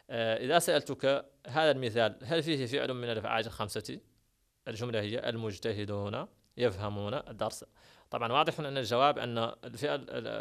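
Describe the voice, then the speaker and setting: A man leads a grammar lesson at a brisk clip. He walks through each rule step by step and repeats the examples. His pitch sits in an ordinary middle range. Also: gravelly, a bit bright. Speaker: Arabic grammar teacher.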